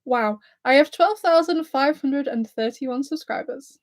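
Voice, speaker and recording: A high-pitched woman speaking at a measured pace hosts a livestream as a YouTuber. She is in her twenties, from near Blackpool in England, with a mix of Lancashire and Scouse in her accent, and she nervously giggles and chats as she reads out viewer comments.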